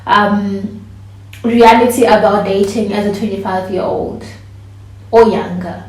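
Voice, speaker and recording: A woman's voice: medium pitch, steady tone, a little slow, darkish tone. A woman, chatting casually to camera as a vlogger and laughing often. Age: 20s. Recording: echoey room.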